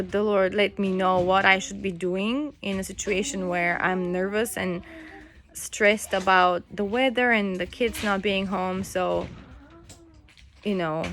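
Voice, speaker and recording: A woman's voice: fairly low pitch, fairly bright tone, a little hiss or hum. Chatty young mother telling a story. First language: not English. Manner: chatty, halting, with many fillers and restarts, breaks off to coo at her baby. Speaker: mother and vlogger. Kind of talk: casual storytelling vlog.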